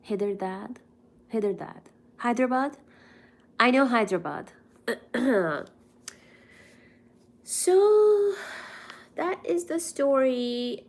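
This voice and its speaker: A woman's voice: a little high, expressive, slow pace, long pauses. A young woman from India, hosting a casual livestream and chatting with viewers while answering their messages. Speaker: livestream host.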